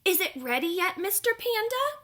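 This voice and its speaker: Storybook egret, impatient male bird, a woman doing it high and whiny, lively swoops. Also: normal speed, full character voice.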